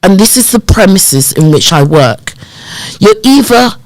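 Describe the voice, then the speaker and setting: A woman's voice: medium pitch, a little slow, no room sound, rough recording. A woman, a podcast guest telling her life story and acting out remembered conversations. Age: 50s. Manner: animated storyteller who acts out remembered dialogue. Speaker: podcast guest, community development worker. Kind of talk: personal storytelling in a podcast interview.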